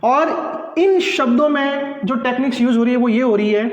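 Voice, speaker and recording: A man teaching English pronunciation in a slow, patient classroom style, repeating each word several times. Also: extremely high pitch, roomy sound, in a large hall, dull audio.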